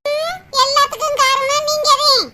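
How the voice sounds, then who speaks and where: Woman voicing a shrill, quarrelsome cartoon mother. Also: level tone, moderate pace. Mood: arguing. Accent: southern Tamil Nadu rural. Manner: complaining, loud, argumentative. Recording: loud background noise.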